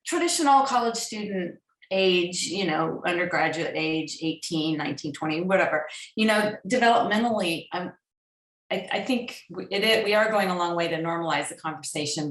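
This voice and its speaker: A woman in her forties speaks hesitantly with many fillers as a participant on a video call. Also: lowish voice. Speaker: workshop participant. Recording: roomy, distant call audio.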